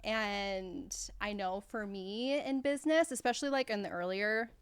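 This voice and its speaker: A woman's voice: medium pitch, normal speed, clear, resonant tone, dry recording. A woman from the American Midwest hosting a podcast interview, enthusiastic and chatty, with frequent "like"s. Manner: bubbly, enthusiastic, says "like" often. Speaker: podcast host.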